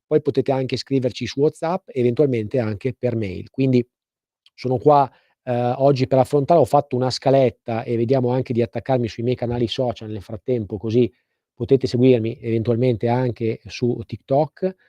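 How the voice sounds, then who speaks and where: A man hosting a live call-in radio show, explaining things informally with hesitant, pause-filled phrasing. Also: mid-range voice, steady tone, mellow, no echo. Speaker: radio host and legal advice presenter.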